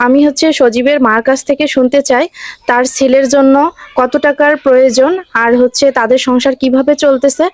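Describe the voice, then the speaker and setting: High-voiced Bangladeshi woman interviewer. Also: dry recording. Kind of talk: informal on-location interview.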